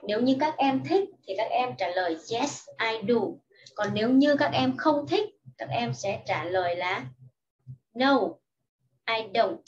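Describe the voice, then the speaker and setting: Female primary teacher, slow and patient, slightly distant dull recording. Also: a little high, animated. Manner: patient, explains each sentence in Vietnamese after English. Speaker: primary school English teacher. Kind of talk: slow, careful lesson for young children.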